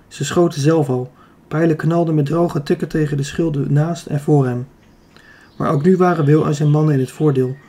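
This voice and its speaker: Mellow-voiced male audiobook narrator. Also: fairly high pitch. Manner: steady, even storytelling. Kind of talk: scripted narration.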